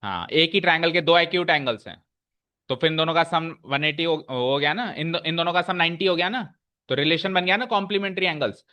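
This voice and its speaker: A male maths teacher explaining a lesson step by step to his class, often checking in with quick questions. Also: fairly high pitch, highs cut off.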